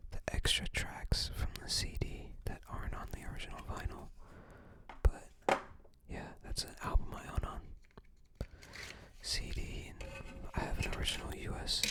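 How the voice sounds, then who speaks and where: Soft, breathy whispering comes from an ASMR creator doing a show-and-tell, moving slowly with frequent little pauses.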